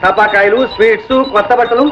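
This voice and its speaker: An actor playing a calm, kind family man who speaks steadily and evenly. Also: high-pitched, quick pace, natural voice. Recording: dull old film soundtrack with loud music.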